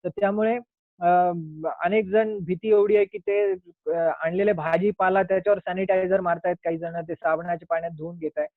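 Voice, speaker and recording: A man's voice: sits high, fairly even intonation, moderate pace, no echo. A man who is a doctor giving an earnest, explanatory health talk, now and then acting out little quoted scenes. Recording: tinny phone-like line.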